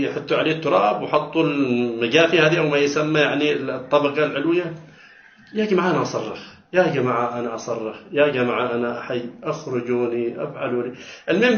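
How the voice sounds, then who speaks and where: A man's voice: fairly high pitch, roomy sound, highs cut off. A man telling his own near-death story with dramatic emphasis, repeating words and pleading with his listeners. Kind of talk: emotional personal testimony. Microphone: phone.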